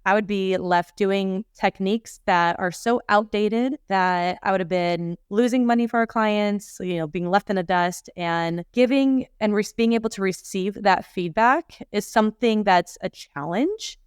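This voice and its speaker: A woman's voice: medium pitch, a little slow, few pauses, smooth, dry recording, clean studio sound. A woman leadership coach in her thirties, telling candid, reflective stories in a podcast interview.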